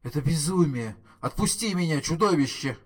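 A man's voice: fairly high pitch, lively intonation, normal speed, slightly rough, pitched above the performer's own voice. A man voicing a panicky, put-upon human man who complains shrilly.

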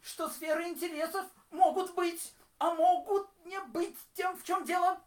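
A woman voicing an excitable male philosopher with a shrill, shouting delivery. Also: fairly quick. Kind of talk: audio drama acting.

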